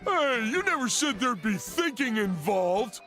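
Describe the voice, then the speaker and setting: A man's voice: very high voice, big pitch swings, measured pace, bright, forceful tone, faint music behind, exaggerated voice. A man voicing a dim, childishly demanding cartoon starfish in a video game, whiny and literal-minded.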